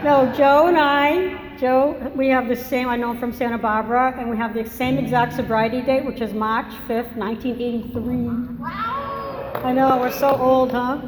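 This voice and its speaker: An older woman from Massachusetts, with that state's accent, gives a candid, rambling personal testimony at a recovery meeting, leaning on self-deprecating humor. Her voice sits high and expressive at a normal pace. The meeting hall sounds echoey, with faint noise.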